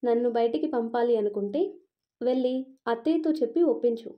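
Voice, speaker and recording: A woman's voice: fairly high pitch, brisk, natural voice. A woman voicing a cheeky, quarrelsome young bride in a storybook reading. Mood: sassy. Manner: sassy, retorting. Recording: dull lo-fi recording.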